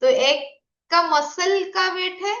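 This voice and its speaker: Speaking slowly in a very high, fairly bright voice, a woman in her 50s presents slides online as a health coach and quizzes her listeners. Echo and a muffled lo-fi sound color the audio.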